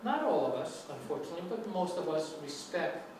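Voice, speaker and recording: Brisk and very animated, with a slightly high voice, an American man with a New York accent lectures on English. He reassures his students while rambling and restarting a lot, heard through a distant mic in a noisy, echoey hall.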